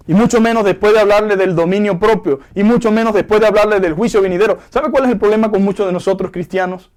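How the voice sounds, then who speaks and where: A man's voice: high-pitched, a little mellow. A man with a Venezuelan accent preaching a sermon to his congregation in an earnest, direct way. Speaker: pastor.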